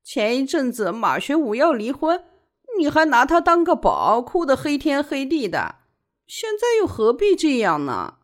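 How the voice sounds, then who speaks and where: A woman's voice: fairly high pitch, huge pitch swings, moderate pace, pitched above the performer's own voice. A woman voicing a blunt woman friend who scolds and pleads. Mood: pleading.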